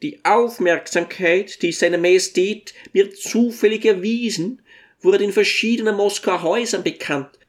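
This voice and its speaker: A tiny old dwarf, humble and devoted, recounting his memories with quiet courtesy , voiced by an audiobook reader. His speech is gentle and deferential, at a middling pitch. It is unhurried, storybook-style narration. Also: close to an everyday voice. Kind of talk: audiobook character reading.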